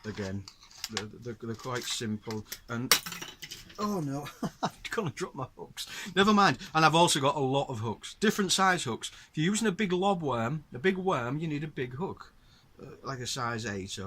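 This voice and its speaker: A middle-aged man from the north of England hosts this casual demonstration, chatting patiently to viewers as he explains his gear in a Northern English accent. His medium-pitched voice is expressive, sharp and breathy-edged, at a moderate pace.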